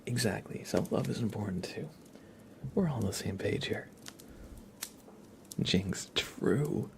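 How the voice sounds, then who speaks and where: A man with a fairly low, animated voice speaks slowly, with vocal fry, against a noisy background. He's hosting an ASMR livestream, whispering close to the mic in a slightly stuffy-nosed voice as he trades playful, teasing banter with viewers.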